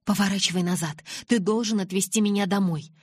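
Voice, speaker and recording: Brief: female reader doing a frantic teenage girl, low husky voice, storybook audiobook. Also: brisk, no echo, studio quality. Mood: pleading. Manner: pleading, rising to shouts. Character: frightened desperate teenage girl.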